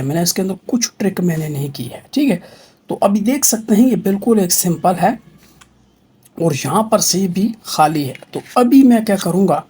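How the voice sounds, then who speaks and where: Male, Pakistani accent, husky and slightly rough, high for a man, showy kids' party magician, repetitive hype. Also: darkish tone. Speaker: magician presenting a trick. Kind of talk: magic show patter to viewers.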